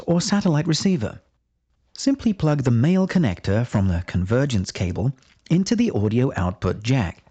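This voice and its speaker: A man's voice: medium pitch, dark tone, breathy edge, dry recording. A man reading a scripted installation tutorial in a chatty, reassuring, instructive manner, on dull, muffled audio. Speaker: instructional video narrator.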